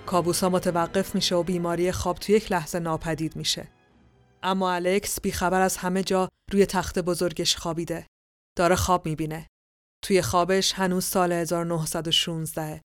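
Lower-voiced woman narrating a dark tale. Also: smooth, no echo, studio quality. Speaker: podcast storyteller. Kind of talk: scripted story narration.

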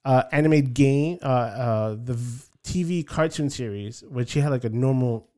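A man's voice: mid-range voice, normal speed, dark tone. A man in casual chat who tells stories eagerly, trailing off into fillers.

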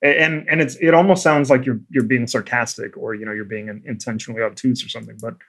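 A man's voice: mid-range voice, steady tone, quick pace, fairly bright tone. A man hosting a podcast, reflective, asking probing questions and giving coaching advice. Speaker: podcast host, chess coach. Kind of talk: casual conversation.

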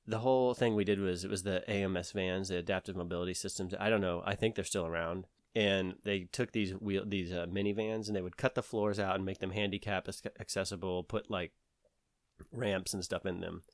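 A man's voice: low voice, steady tone, brisk, no echo. A man from the American South with a Southern accent, telling a long story in casual conversation, rambling with many fillers and restarts.

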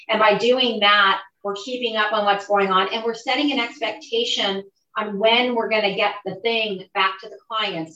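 Give me an energetic woman coach giving instructive advice with a bright tone. She sounds somewhat distant from the mic, in a roomy space with audible echo. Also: medium pitch, muffled recording. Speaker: business coach.

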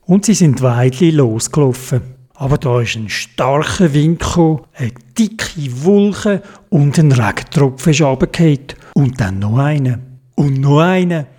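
A man with a Swiss German accent reading a children's story aloud, gentle and expressive. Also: fairly high pitch.

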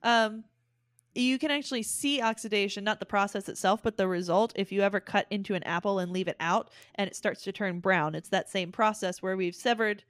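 A woman's voice: mid-range voice, fairly quick, no room sound, studio quality. A woman co-hosting a casual chat, explaining things in a chatty way and laughing easily. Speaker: podcast co-host.

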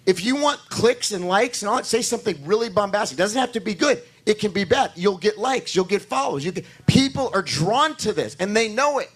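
In church, a pastor with a hoarse voice, pitched fairly high for a man, gives a sermon. Each point builds through emphatic declarations that climb in intensity.

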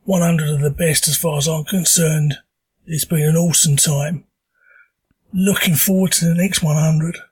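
A man with an Essex accent, hoarse from a sore throat, leaving an informal recorded message. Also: a little high, steady tone, normal speed, a little mellow, rough recording.

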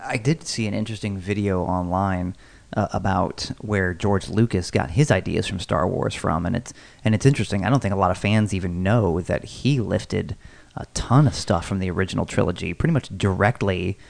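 A man with a very low voice talks in a relaxed, rambling way, full of "you know" and restarts. There is a gravelly fry to his speech. He sounds like a podcast co-host musing about films. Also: normal speed, no echo. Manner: rambling, many fillers and restarts. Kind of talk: casual chat about movies.

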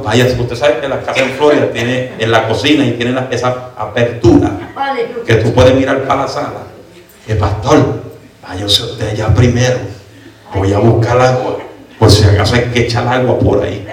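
A man preaching in a church, telling a comic story in an animated way and now and then switching into English. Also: mid-range voice. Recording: very echoey church hall, mic from far off.

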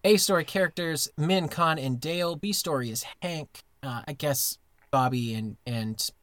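A man's voice: a little high, measured pace, a bit bright, no echo. Man recording from inside a closet. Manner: rambling storyteller with many fillers and restarts. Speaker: podcast co-host. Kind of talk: casual comedic chat.

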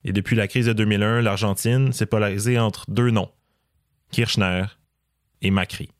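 A man delivering scripted documentary narration in a measured, explanatory way. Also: lowish voice, fairly even intonation, clean tone, dry recording. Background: faint music.

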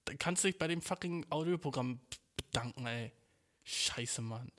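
A man's voice: mid-range voice, normal speed, a bit bright. A young man hosting his own podcast, venting in a rambling, slangy, swear-heavy way about his audio troubles. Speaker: podcast host. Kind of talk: casual solo podcast rant. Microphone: home podcast mic.

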